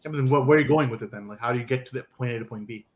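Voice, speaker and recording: A man's voice: mid-range voice, rapid-fire. A young man hosting a casual movie chat on a stream, joking and chatty with lots of fillers. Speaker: podcast host.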